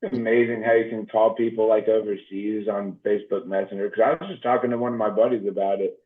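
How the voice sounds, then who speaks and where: A man's voice: fairly low pitch, level tone, quick pace, slightly rough. A man chatting casually on a live online show, his voice coming through muffled and degraded from a faulty microphone. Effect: muffled, degraded stream audio from a faulty mic. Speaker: regular panelist on a live stream show. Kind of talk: casual chat. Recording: muffled lo-fi online call audio.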